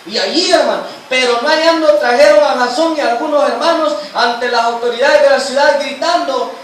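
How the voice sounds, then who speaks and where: A man's voice: extremely high pitch, fairly quick, fairly bright tone. A man teaching a church Bible study lesson, constantly quizzing the congregation with questions and calling them brothers. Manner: addresses listeners as brothers constantly. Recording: echoey church hall, mic far off.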